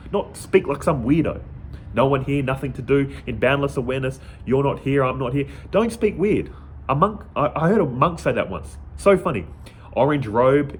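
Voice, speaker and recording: A man's voice: medium pitch, breathy edge. A man hosting a spiritual video channel, talking earnestly to his viewers in a casual monologue and often repeating words as he goes. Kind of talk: casual direct-to-camera monologue.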